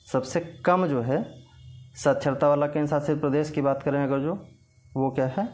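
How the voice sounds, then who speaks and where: A man's voice: a little high, steady tone, moderate pace, a little mellow. A man teaching an exam-prep lecture, dictating facts for notes and repeating the key points. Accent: Hindi.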